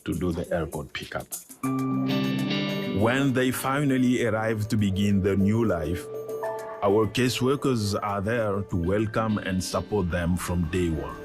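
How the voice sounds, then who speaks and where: A man giving a calm, measured documentary voice-over. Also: on the low side. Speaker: narrator. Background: music.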